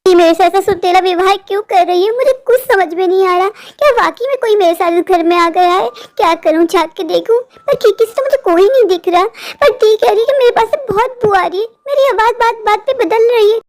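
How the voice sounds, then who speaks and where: A woman voicing a frightened young woman who pleads anxiously in an animated horror story. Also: very high-pitched, brisk. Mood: scared.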